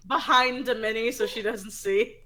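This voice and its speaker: A woman's voice: a little high, unhurried, pushed and bright. A woman playing in a casual tabletop role-play, teasing and jokey. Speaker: player.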